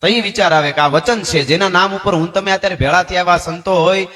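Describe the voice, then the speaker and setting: A man's voice: sits high, a little fast. A man telling stories at a religious gathering, chatty and earnest, with asides. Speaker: folk storyteller at a religious gathering. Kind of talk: live stage talk at a dayro. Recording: live hall echo with faint music.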